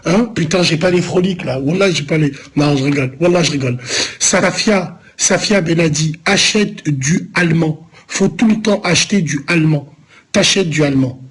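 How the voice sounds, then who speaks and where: Male streamer from Lyon, husky tone, slangy, rambling, teases his chat. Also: a little high, normal speed. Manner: loose, rambling street slang, teasing chat. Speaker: live streamer answering viewers. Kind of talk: casual live-stream chat.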